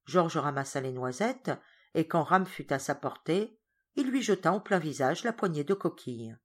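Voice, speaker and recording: Lady reading an audiobook, lowish voice, lots of melody. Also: normal speed, husky. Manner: expressive storytelling. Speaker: audiobook reader. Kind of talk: scripted narration.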